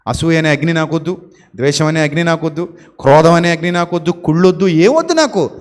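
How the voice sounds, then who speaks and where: A male pastor preaching a sermon, animated, with many rhetorical questions and playful mock quotes. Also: on the high side, brisk, long reverb tail.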